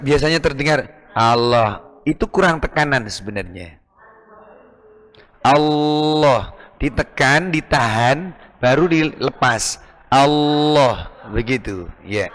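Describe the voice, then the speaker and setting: An unhurried male teacher with an East Javanese Indonesian accent and a mid-range voice. He explains recitation step by step and repeats each sound slowly and carefully for his listeners. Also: mid-range voice, fairly bright tone. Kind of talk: recitation lesson.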